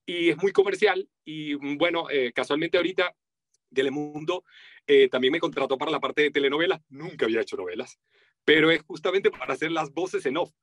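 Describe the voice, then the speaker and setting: A man's voice: fairly quick, no echo. A man with a Venezuelan accent, a voice-over artist talking animatedly in an interview and acting out the voices he quotes. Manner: animated, acts out quoted voices with big pitch jumps. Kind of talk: casual interview talk.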